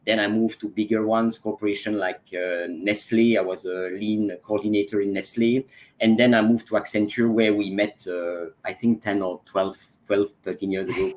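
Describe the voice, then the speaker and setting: A Belgian man in his forties, a transformation coach, speaks as a guest in a casual interview. His fairly low voice has fairly even intonation and a moderate pace, but he sounds hesitant, with frequent fillers and restarts, over slight background noise.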